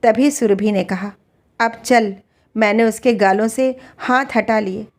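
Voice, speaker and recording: A woman narrating a story in an expressive, heartfelt way. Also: on the high side, moderate pace.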